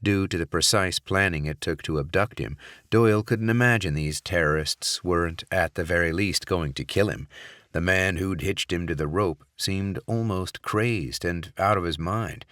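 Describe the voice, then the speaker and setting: A man with a fairly low voice reading a thriller audiobook. He narrates in a steady, measured way, on a dry, close recording. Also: dry recording.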